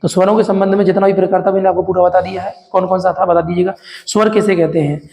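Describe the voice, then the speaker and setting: A man's voice: high-pitched, flat delivery, fast talker, gravelly, mellow, in a large hall. A man teaching a Hindi exam-prep lesson from a diagram, repeating each term as a question and answer to his students. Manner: addresses viewers as friends, explains with a diagram.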